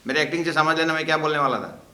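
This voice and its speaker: A man's voice: a little high, racing, pushed and bright. A man teaching a scripture class, explaining verses and acting out the dialogue in small stories. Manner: acts out dialogue in story asides. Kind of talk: Hindi scripture class with storytelling. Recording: roomy echo.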